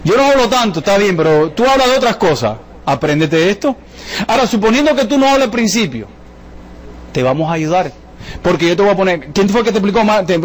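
A man giving a jokey motivational sales presentation to a live audience, firing off rhetorical questions. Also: high-pitched. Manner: jokey, rapid-fire, full of rhetorical questions. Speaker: business presenter. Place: event room with a live audience.

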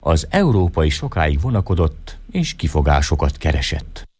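A man calmly reading a short story aloud as an audiobook narrator. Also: extremely low pitch, slightly rough. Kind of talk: scripted narration.

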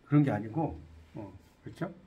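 A man's voice: mid-range voice, normal speed, highs cut off. A middle-aged man teaching an English lesson in Korean, quizzing his listeners and joking as he goes. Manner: lively, asks students questions, jokes. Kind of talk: classroom-style lecture.

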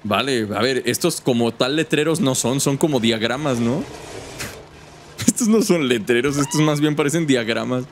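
A man's voice: mid-range voice, expressive, moderate pace, slight background noise. A young man giving casual, joking gameplay commentary full of slang. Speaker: gaming youtuber.

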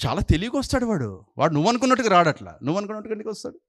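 A man preaching a sermon as pastor, scolding his listeners with rapid-fire rhetorical questions. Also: high voice, big pitch swings, no echo, studio quality.

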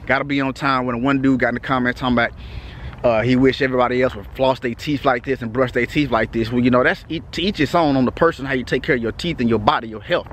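A man's voice: medium pitch, a bit bright, slight background noise. A man from Texas with a Texas accent, talking casually to his viewers outdoors at night in a loose, laid-back way, with lots of "you know what I'm saying.". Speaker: vlogger. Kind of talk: casual vlog update.

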